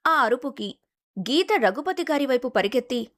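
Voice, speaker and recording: A woman narrating a scripted family drama in a steady storytelling manner. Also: high voice, normal speed.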